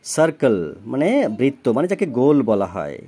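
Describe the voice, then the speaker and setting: A man's voice: medium pitch, very animated, fairly quick, mellow, slightly rough. Man, tutor, spells words letter by letter, keeps checking the child understands. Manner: spells words letter by letter, then gives meanings; often checks understanding with questions. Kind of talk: recorded homework lesson for a child.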